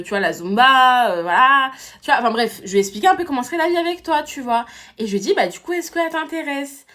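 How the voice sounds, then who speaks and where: A young woman talks her way through comic sketches, chatty and sarcastic, with fillers everywhere. Her voice sits at an ordinary middle pitch. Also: a bit bright. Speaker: comedy skit creator. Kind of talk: comedic sketch monologue playing all parts.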